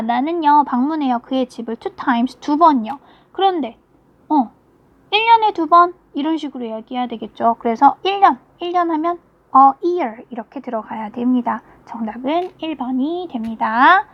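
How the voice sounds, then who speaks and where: A woman teacher giving a recorded grammar lecture, patiently explaining step by step and reading example sentences out slowly. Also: high-pitched, muffled recording. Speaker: English teacher.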